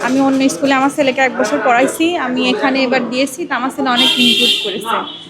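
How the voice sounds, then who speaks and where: High-voiced mother over loud music. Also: steady tone, fairly quick. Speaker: parent. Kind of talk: interview answer.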